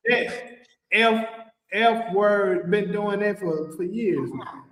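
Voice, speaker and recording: High-voiced man in an echoey room. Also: slow pace, distant mic. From Memphis. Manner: relaxed, blunt slang talk. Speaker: guest panelist. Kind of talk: casual livestream chat. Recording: echoey room with long reverb.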